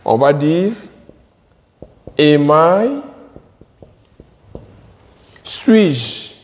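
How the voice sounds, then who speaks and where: Man, English teacher, very slow drilling delivery, somewhat high voice, long room reverb. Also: very animated. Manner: drills words by repeating them slowly. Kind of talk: slow classroom explanation at a board.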